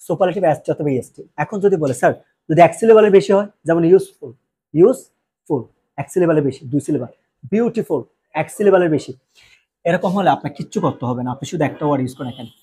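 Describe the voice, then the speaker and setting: A man's voice: fairly high pitch, lively intonation, racing, warm tone, husky. A Bangladeshi man teaching English grammar in Bengali, who keeps asking questions and answering them himself, with joking asides. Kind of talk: classroom lecture.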